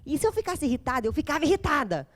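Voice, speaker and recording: A woman's voice: high-pitched, very animated, rapid-fire. A woman giving an intense, dramatic talk at a parents' course, quizzing her audience as she goes. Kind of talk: lecture to a live group.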